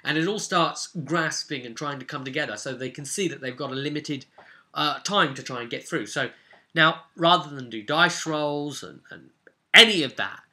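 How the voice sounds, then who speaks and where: This man's voice is a little high with a sharp tone, moving at a normal speed. He's a game master hosting a vlog, explaining casually and emphatically in a rambling way with repeated words for emphasis.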